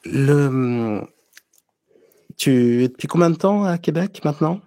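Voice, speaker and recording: A man from France hosting a relaxed interview, talking casually with frequent restarts. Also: on the high side, slow, no room sound. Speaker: host.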